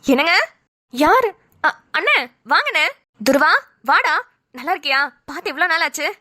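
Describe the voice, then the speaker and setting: A woman's voice: high voice, big pitch swings, moderate pace, bright, forceful tone, no echo, studio quality, pitched above the performer's own voice, exaggerated voice. Woman doing a worried, pleading cartoon mother. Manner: anxious, pleading. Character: worried middle-aged mother, female. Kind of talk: cartoon voice acting.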